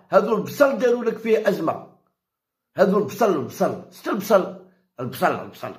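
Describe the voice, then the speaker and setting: A high-voiced man with an Algerian Arabic accent ranting straight to camera on his own channel. His delivery is heated and insistent, and he keeps circling back to the same phrases to drive each point home. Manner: heated, repeats phrases for emphasis. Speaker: channel host. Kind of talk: impassioned direct-to-camera rant.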